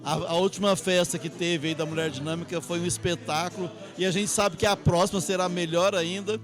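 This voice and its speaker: A middle-aged Brazilian artist, appearing as a guest in an interview, rambles through his life story, often closing phrases with tag questions. His voice is high, steady, and a little fast, with music playing behind.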